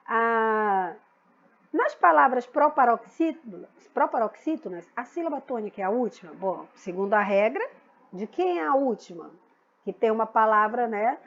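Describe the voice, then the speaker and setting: Woman teacher, high voice, patient explainer, slightly dull lo-fi recording. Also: expressive, moderate pace. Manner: patient, explanatory, repeats key words. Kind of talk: recorded school lesson.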